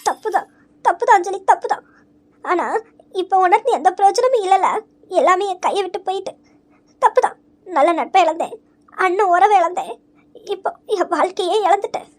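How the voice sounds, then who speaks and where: A woman's voice: very high-pitched, normal speed, long pauses. A woman voicing a remorseful young woman in an audio story, crying and stammering as she blames herself. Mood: tearful. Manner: sobbing, stammering apologies. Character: remorseful young woman, tearful and self-blaming.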